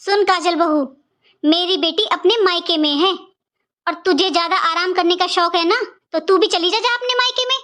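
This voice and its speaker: A woman voicing a bossy, scolding middle-aged mother-in-law in an animated cartoon, speaking harshly and commandingly. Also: very high-pitched, moderate pace.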